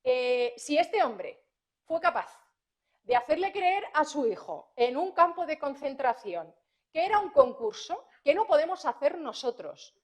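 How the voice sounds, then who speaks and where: Animated woman prosecutor. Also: high-pitched, measured pace. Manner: lively, anecdotal, acts out dialogues with parents and teens. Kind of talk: conference talk to parents.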